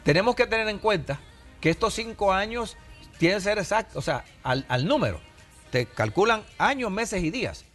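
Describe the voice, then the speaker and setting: A man in his sixties from Puerto Rico explains immigration rules as a TV guest, patient and example-driven. His voice sits a little high for a man. Soft music plays faintly behind him. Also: sing-song, moderate pace. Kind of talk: explanatory TV interview.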